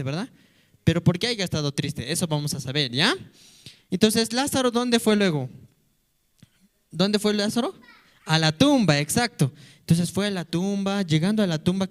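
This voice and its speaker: A man's voice: sits high, expressive, moderate pace. A man teaching a children's church lesson, playfully asking the kids question after question. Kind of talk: Sunday-school lesson for children.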